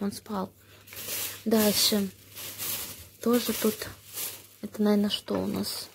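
Showing off things she bought, a young woman, a vlogger and mother of a baby, talks in a relaxed unboxing style indoors at home. Her mid-range voice has a darkish tone, and a little hiss or hum runs under it. She records on a handheld phone from behind the camera, in a space with tiled and wooden floors.

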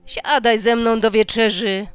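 Commanding elder storybook witch, forceful and suspicious, slow and clear, voiced by a woman. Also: a little high, level tone, soft background music, lightly acted.

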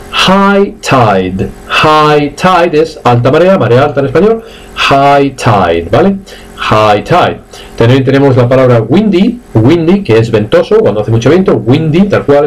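Spanish male English teacher, animated pitch, rattles off explanations, slows right down on each English word. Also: rough recording. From Spain. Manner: switches between quick Spanish explanations and slow drawn-out English words. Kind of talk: live online English lesson.

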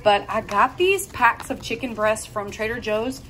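In her indoor home kitchen, a woman cooking vlogger chats casually and folksily through a cook-along. Her voice is a little high and a bit bright, with lively intonation and a moderate pace, over clear frying sizzle and kitchen sounds.

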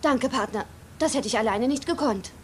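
A woman's voice: on the high side, normal speed, slight background noise, close to an everyday voice. A woman voicing a bickering, stubborn pregnant heroine. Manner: bickering and sharp-tongued. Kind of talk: German TV soap dub.

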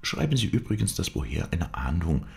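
A man reading aloud, raising his voice high to play a feverish, distraught noble lady who pleads insistently. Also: wildly swooping pitch, fairly quick, gravelly, darkish tone, exaggerated voice. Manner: pleading, agitated falsetto lift.

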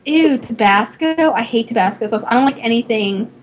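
A young woman with a Southern accent, chatting and giggling in a rambling, excitable way while live-streaming a game. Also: a little high, normal speed. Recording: slightly dull, faint noise.

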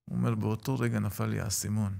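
A man's voice: on the low side, gravelly. A middle-aged man, a rabbi and lecturer, telling stories in an interview and acting out the people in them. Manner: animated storyteller, acts out quoted voices. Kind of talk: storytelling in an interview.

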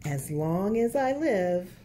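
Reading to kids from a picture book, this woman takes it slowly and performs it with storyteller flair. Her tone is rounded and mellow, her pitch lively and wandering, and faint background noise can be heard.

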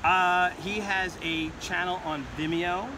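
A middle-aged man who works as a school principal chats casually outdoors, his voice sitting fairly high. He talks with frequent ums and restarts as he searches for words. Traffic and outdoor noise come through clearly behind him. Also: steady tone, slow. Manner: chatty, hesitant fillers, proud. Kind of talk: casual interview chat. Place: outdoor parking lot. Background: traffic and outdoor ambience.

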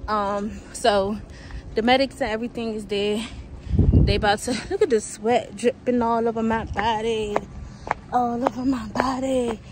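A woman's voice: on the high side, steady tone, a little slow. Chatty woman vlogging, y'all-heavy. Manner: chatty, addresses viewers as y'all. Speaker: lifestyle vlogger. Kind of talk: casual vlog talk to camera. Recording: noisy outdoor camera audio.

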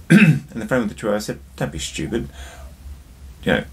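A man's voice: fairly low pitch, sing-song, normal speed. A man hosting a casual drinks review vlog, chatty and jokey, talking straight to his viewers and telling a joke along the way.

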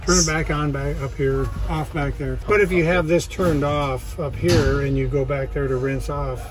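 A man's voice: fairly high pitch, steady tone, normal speed. Plainspoken man explaining van features. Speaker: factory walkthrough guide. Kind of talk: casual demonstration. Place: large indoor factory bay.

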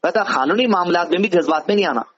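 A high-sitting, animated male voice, fast and a bit bright with a breathy edge, comes through a dull lo-fi phone line. The Hyderabadi-accented man is an advisor responding to a caller, teaching in a didactic way and frequently asking rhetorical questions.

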